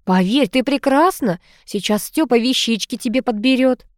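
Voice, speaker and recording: A chattering, theatrical society aunt, as a female reader puts her on, with a raised, lively voice. She gushes and dramatizes every sentence, recorded close and dry. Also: on the high side, moderate pace, no room sound, pitched above the performer's own voice, lightly acted. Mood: gushing. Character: theatrical much-married society aunt, flamboyant and gushing.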